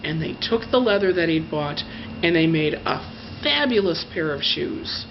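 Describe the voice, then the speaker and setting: A woman with a low, expressive voice retells a fairy tale in her own words. She gushes and draws out the descriptive adjectives. The recording has a dull lo-fi quality with faint noise.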